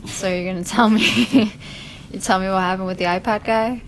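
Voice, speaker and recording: Woman, mid-pitched, offhand chatter, audible ambient sound in the room. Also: fairly even intonation, normal speed, a little hiss or hum, rough recording. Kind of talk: casual chat.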